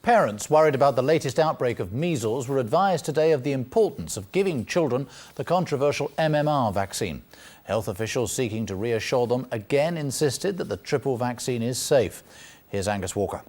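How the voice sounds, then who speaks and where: A man's voice: mid-range voice, animated, darkish tone. Newsreader man on a worn VHS tape copy. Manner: measured, formal newsreader delivery. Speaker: news anchor. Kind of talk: scripted news reading.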